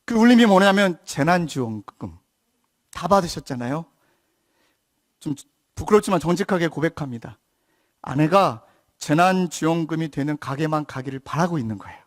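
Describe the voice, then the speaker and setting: Pastor guy in his 30s preaching, high voice, goes soft and hushed on quotes. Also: lively intonation, normal speed, long pauses. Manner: soft hushed voice when quoting others. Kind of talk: sermon storytelling.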